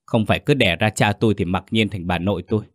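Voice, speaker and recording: A cold, curt young woman teacher snaps her words in a ghost story, as a male narrator voices her. The voice stays low and the sound is dry and close. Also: quick pace, dry recording, close to an everyday voice.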